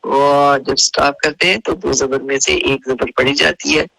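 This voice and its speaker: A man teaching a tajweed lesson. He recites verses slowly and at length, then explains the rules in quick spoken asides and keeps checking whether his students follow. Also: medium pitch, flat delivery, creaky, sharp tone, dry recording, low-quality recording. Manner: slow, drawn-out recitation alternating with brisk spoken explanations; checks understanding with repeated rhetorical questions.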